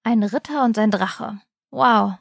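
A woman voicing a cheerful father who gently teases his sleepy son. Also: on the high side, slow pace, gravelly, slightly rough, no room sound, clean studio sound, exaggerated voice. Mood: amused. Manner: amused and gentle. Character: cheerful, teasing father of a young boy.

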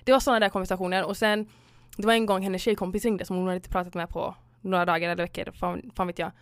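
A woman chats casually and retells a story, voicing each person in turn and dropping English phrases into her speech. Her voice is smooth and clear. The recording is dry and close, with no room sound. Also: lowish voice, little pitch movement, no room sound. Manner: retells stories acting out both sides, mixing in English phrases. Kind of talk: casual chat.

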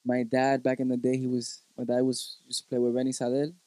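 A man in his thirties from Puerto Rico, a musician guest chatting casually, relaxed and laughing often, dropping in Spanish words. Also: mid-range voice, fairly quick, dry recording, rough recording. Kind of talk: casual chat.

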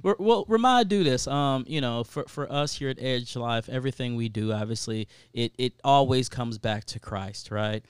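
A man's voice: mid-range voice, moderate pace, hardly any pauses, clean tone, no echo. A man co-hosting a podcast in casual, enthusiastic chat, emphatic and repetitive, often checking in with "right?".

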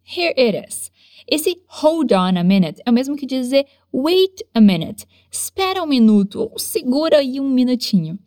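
A woman teaching English in a lesson, modeling phrases slowly with exaggerated pronunciation for learners to repeat. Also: high-pitched, very animated, dark tone, no room sound, clean studio sound. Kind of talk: language lesson with repeat-after-me drills.

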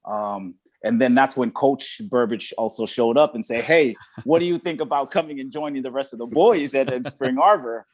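A man's voice: mid-range voice, moderate pace, hardly any pauses. A young man from Samoa, a former college baseball player, telling his story in an interview with many fillers and restarts. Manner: hesitant, many fillers and repeated words.

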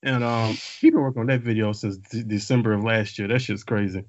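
A man's voice: on the low side, fairly quick, darkish tone, highs cut off, slight background noise. A man in casual, slangy and profane banter about music with friends.

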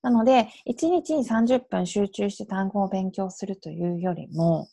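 A Japanese woman in her thirties hosts a casual solo podcast as an English coach, giving advice in a chatty way with little affirming asides. Her medium-pitched voice has a warm, slightly rough tone with vocal fry, at a normal speed.

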